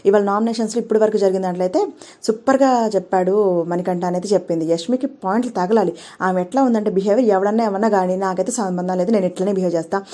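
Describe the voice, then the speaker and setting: Fast-talking woman recapping with opinions. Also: mid-range voice, dark tone. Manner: opinionated, retells arguments in quoted speech. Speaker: reality show recap host. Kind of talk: casual commentary recap.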